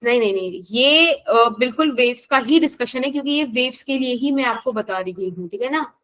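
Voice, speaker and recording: A woman's voice: fairly high pitch, lively intonation, fairly quick, fairly bright tone. An Indian woman teaching a physics class, explaining patiently and checking in with students by name. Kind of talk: live online class.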